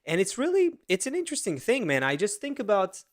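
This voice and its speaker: A fairly high-voiced man in his thirties chats on a video call. He tells stories in an animated way and often restarts his sentences. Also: quick pace. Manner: animated storytelling with frequent restarts. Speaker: podcast co-host. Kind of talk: casual conversation.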